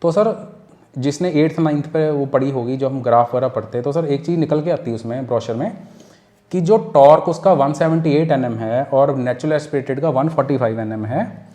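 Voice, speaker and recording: Earnest man explaining in steady detail. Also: mid-range voice, brisk. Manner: earnest, explains step by step, repeats key figures; mixes English phrases into speech. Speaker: guest explaining car engines. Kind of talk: casual explanatory chat.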